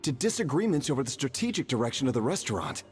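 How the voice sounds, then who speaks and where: A man plays an eager character recounting legend and lore. His pitch moves expressively from line to line. Faint game music plays underneath. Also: sing-song, fast, big-room sound, lightly acted.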